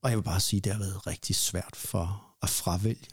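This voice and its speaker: A man's voice: sits low, fairly even intonation, breathy edge. A man hosting a radio show, chatting casually with many hesitant fillers. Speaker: radio host.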